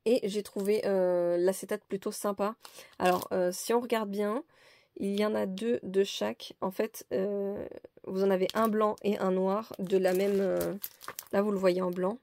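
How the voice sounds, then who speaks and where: Gravelly-voiced chatty woman. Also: mid-range voice, flat delivery, a little slow, mellow, slight background noise. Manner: hesitant, many fillers, chatty. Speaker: crafting haul vlogger. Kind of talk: casual show-and-tell haul.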